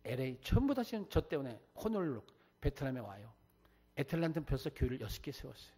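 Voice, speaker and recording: 교회에서 자신의 간증을 섞어 설교하는 나이 든 남자 목사로, 목소리가 약간 허스키하고 인용하는 사람들의 말투를 생생하게 흉내 낸다. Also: male voice, mid-range voice, quick pace, slightly rough. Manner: animated storytelling, acting out quoted voices. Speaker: guest preacher, missionary. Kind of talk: testimony sermon. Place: church.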